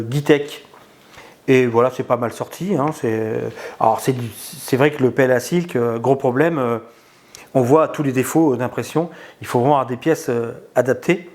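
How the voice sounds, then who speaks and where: A man giving a casual spoken product review, hesitant, with many pauses and filler sounds. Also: mid-range voice, a little mellow. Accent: non-native in English words.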